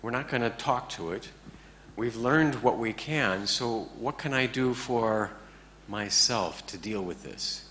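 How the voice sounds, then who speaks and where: A man teaching a class in a relaxed, joking way, often checking in with his listeners. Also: medium pitch, slow, a little hiss or hum. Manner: joking, conversational, keeps checking in with the audience. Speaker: meditation teacher. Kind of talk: informal talk to a class.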